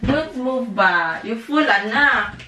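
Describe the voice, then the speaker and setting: A woman in her thirties with a Filipino accent, chatting casually to viewers while cooking at home and breaking off to hush her toddler. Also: fairly high pitch, animated, takes it slowly, very noisy. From Philippines. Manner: switches between chatting to viewers and scolding a toddler. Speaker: vlogger and mother. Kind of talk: casual cooking vlog chat. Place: home kitchen. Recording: echoey room from a distance.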